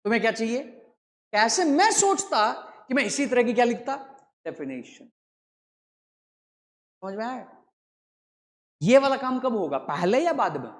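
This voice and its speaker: Animated teacher in an echoey hall. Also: male voice, very high-pitched. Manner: keeps quizzing the class with quick rhetorical questions. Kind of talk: classroom lecture. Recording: echoey hall with long reverb.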